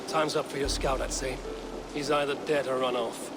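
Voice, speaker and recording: An actor playing a steady, authoritative Viking warrior who speaks tersely in a video game. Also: male voice, medium pitch, moderate pace, loud music behind the voice, lightly acted. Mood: firm. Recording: faint outdoor noise behind.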